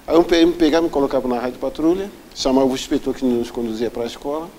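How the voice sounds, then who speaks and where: A man's voice: mid-range voice, fast, warm tone, a little hiss or hum, rough recording. A man being interviewed, earnestly retelling a painful personal story and acting out the people in it. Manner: earnest, vivid retelling that often acts out the people involved. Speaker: interview guest.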